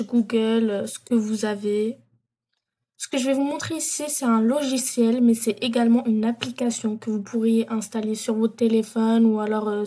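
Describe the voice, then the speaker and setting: A woman's voice: fairly high pitch, mellow. A woman walking viewers through an app in a casual tutorial, hesitant with many fillers and self-corrections. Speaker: vlogger.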